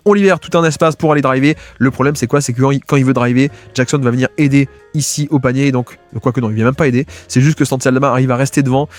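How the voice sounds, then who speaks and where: A man talks through basketball game footage at a rapid clip, stumbling over restarts and fillers as he goes. His voice sits at an ordinary middle pitch. Light music runs faintly underneath. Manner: fast, filler-heavy, restarts a lot. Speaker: basketball video analyst. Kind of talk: film-breakdown commentary.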